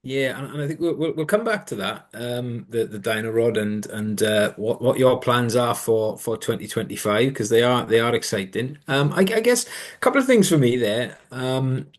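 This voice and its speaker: A man's voice: medium pitch, lively intonation, moderate pace. A man hosting a company podcast in a chatty, hesitant way, full of fillers and restarts. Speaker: podcast host. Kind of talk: conversational interview.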